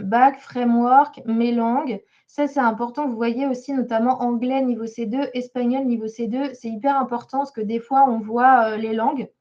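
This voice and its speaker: In a webinar, a female job coach goes over a CV, hesitating a lot and filling gaps with fillers. Her voice is fairly high with a darkish tone, and the recording sounds muffled, slightly dull and lo-fi.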